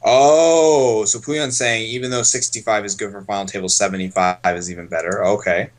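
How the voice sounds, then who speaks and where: A man coaching poker on a casual stream, thinking aloud in a relaxed way as he explains each hand. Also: on the low side, normal speed.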